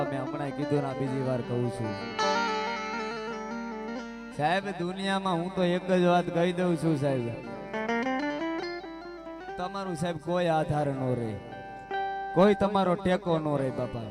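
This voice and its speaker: A man, telling devotional stories in a sermon-like way, breaking into sung refrains at a live gathering. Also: a little high. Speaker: devotional singer and storyteller. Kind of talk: live devotional storytelling with singing. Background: loud music with guitar.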